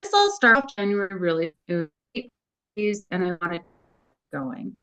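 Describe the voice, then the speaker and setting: A woman's voice: medium pitch, big pitch swings, moderate pace, pushed and bright, muffled recording. A woman on a video call whose audio keeps breaking up and cutting out as she shares sales tips in a casual chat. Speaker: team member sharing sales tips.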